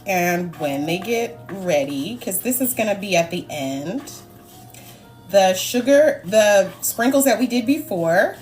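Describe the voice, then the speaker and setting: A woman with a mid-range, slightly dark voice speaks slowly but with lively intonation while hosting a cooking livestream. She chats freely with viewers as she works, laughing often and answering the live chat, with faint music in the background.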